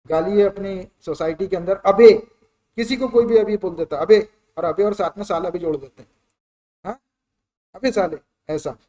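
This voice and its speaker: High-voiced man teaching maths. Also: a little mellow, distant mic. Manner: chatty, repetitive explaining with everyday examples. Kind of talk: classroom lecture.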